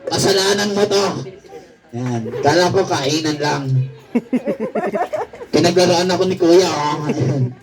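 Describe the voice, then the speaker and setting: A man's voice: fairly high pitch, takes it slowly, pauses often, distant mic. A man hosting a party game, teasing and chatty, often laughing and counting down to the crowd. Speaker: party emcee.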